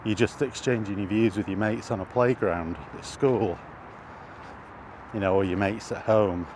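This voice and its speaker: At a moderate pace, a middle-aged British man speaks in a voice on the low side with fairly even intonation. He is a vlogger rambling casually while walking in a city, thinking aloud and hesitating often, captured in a noisy outdoor recording full of clear traffic and street noise.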